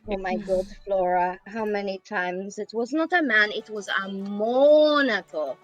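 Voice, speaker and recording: A woman's voice: medium pitch, a little slow, highs cut off, pitched above the performer's own voice, close to an everyday voice. A player voicing an unimpressed, sarcastic woman leaning at the back of a tavern. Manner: dry, sarcastic.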